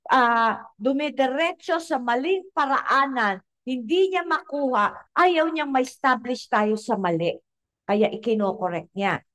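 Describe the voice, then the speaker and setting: A woman pastor delivers a sermon in a high, clear voice. She speaks straight to her listeners and slips English phrases into her preaching. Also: a bit bright. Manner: preaching in Tagalog mixed with English phrases, addressing the congregation directly.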